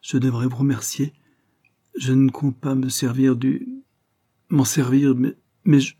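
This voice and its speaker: A man's voice: on the low side, normal speed, dark tone, husky. A man reading an audiobook, voicing a sad and shy young noblewoman who hesitates and stammers. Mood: distressed.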